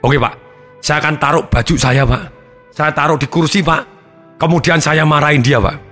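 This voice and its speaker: A man's voice: on the high side, fairly even intonation, normal speed, sharp tone, faint music behind, pitched above the performer's own voice. A man voicing an earnest male client. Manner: earnest, keeps adding "Pak". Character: eager male client trying to quit smoking.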